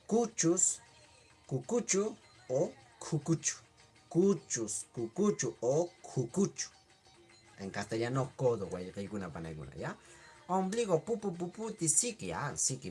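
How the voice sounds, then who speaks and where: Man teaching Quechua words, lively pitch. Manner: repeats words slowly, answers chat questions. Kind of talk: casual live online class.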